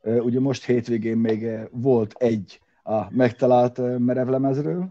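A man's voice: medium pitch, fairly even intonation, dark tone, dull audio. A man co-hosting a casual car show, talking in rambling bursts with fillers and restarts. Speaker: podcast co-host. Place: separate room from co-hosts.

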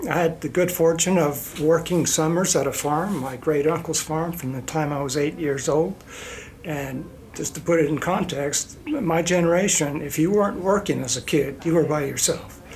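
An older man from Iceland, a company president guest, telling his life story in a relaxed, rambling way with fillers and small chuckles. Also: fairly high pitch, slight background noise.

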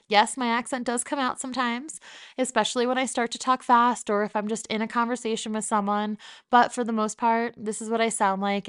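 A woman's voice: fairly high pitch, smooth. A woman in her thirties from New Jersey, hosting her own podcast in a chatty, upbeat and candid solo monologue. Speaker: podcast host.

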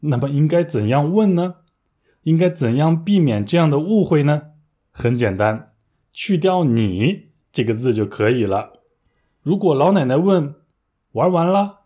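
A young man giving a scripted language lesson, explaining patiently and clearly with playful asides. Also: on the high side, animated, unhurried, mellow. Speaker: Chinese language teacher.

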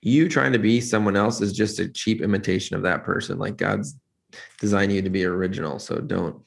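A man's voice: lowish voice, steady tone, a little fast, creaky. A man talking earnestly in a casual interview, rambling with many restarts as a church lighting director.

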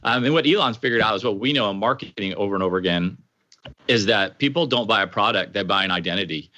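A man hosting a podcast, responding to his guest in a relaxed, reflective way. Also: fairly low pitch, quick pace, dry recording. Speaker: podcast host. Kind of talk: conversational interview.

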